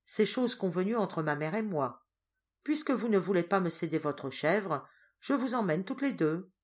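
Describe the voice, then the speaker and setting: A woman's voice: medium pitch, animated, normal speed, a little mellow, voice pushed up, lightly acted. A woman voicing a spoiled, impetuous rich young girl in a storybook reading, who speaks in a pleading, eager way.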